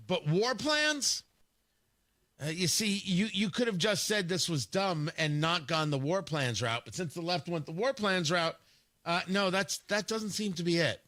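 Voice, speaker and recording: A man's voice: sits high, fairly bright tone. A man hosting a talk radio show, delivering a combative, scornful political monologue with frequent restarts.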